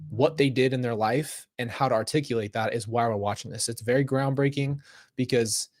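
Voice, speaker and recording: A man's voice: mid-range voice, a little fast, dry recording, studio quality. A man hosting a reaction video, giving casual commentary and speaking earnestly to his viewers and chat.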